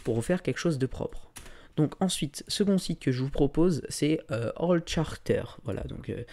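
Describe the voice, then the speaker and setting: A man's voice: mid-range voice, moderate pace. A man giving a casual, screen-recorded tutorial, talking through each click with lots of fillers. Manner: relaxed, talks through clicks with many fillers. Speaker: tutorial creator.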